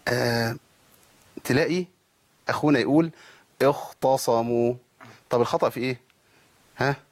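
A man with an Egyptian accent teaching a tajweed lesson, explaining pronunciation and stretching out words slowly to demonstrate. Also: medium pitch. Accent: Egyptian Arabic. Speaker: Quran recitation teacher.

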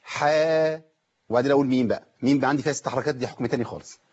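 Man, Egyptian accent, recitation teacher, quick, husky, asks viewers questions. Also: medium pitch, darkish tone, highs cut off. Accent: Egyptian Arabic. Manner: explains step by step with quizzing questions. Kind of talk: TV lesson on letter pronunciation.

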